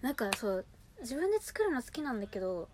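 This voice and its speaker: A woman with a fairly high, very animated voice talks casually to her listeners. She gushes with excitement, then drifts into muttered asides to herself. The recording has noticeable noise, with small clicks from things being handled. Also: fast talker. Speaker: host of a personal audio show. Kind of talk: casual unscripted chat to listeners while unboxing and sorting cosmetics.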